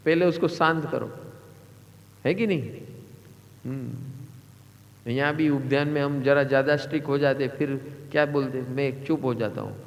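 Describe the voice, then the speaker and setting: A man's voice: mid-range voice, fairly even intonation, normal speed. A man giving a devotional sermon as a spiritual teacher, earnest and emphatic, repeating phrases and putting questions to his listeners. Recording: echoey hall reverb.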